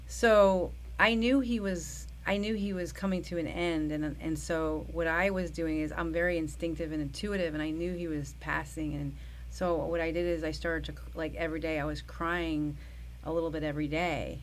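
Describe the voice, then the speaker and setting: A woman's voice: low voice, steady tone, slight background noise. A middle-aged woman psychologist talking earnestly in an interview, with frequent restarts. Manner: earnest, talks fast with restarts. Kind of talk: conversational interview.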